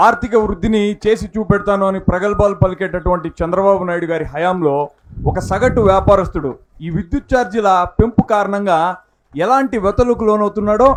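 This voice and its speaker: A man's voice: high-pitched, slight background noise. A man presenting a satirical political street show in scripted, declamatory performer patter.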